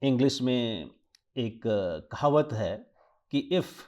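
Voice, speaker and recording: Indian man as a language teacher, very slow, deliberate lecture delivery with "uh"s. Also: mid-range voice, lively intonation, a little mellow, highs cut off. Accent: Indian English. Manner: slow, deliberate, explanatory with frequent fillers. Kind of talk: classroom lecture mixing Hindi and English.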